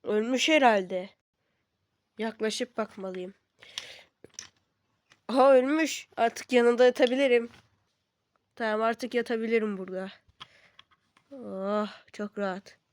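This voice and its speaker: A woman's voice: on the high side, slow pace, pauses often, a little mellow. A woman giving playful game commentary, making sound effects and talking to the figures on screen. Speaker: gamer.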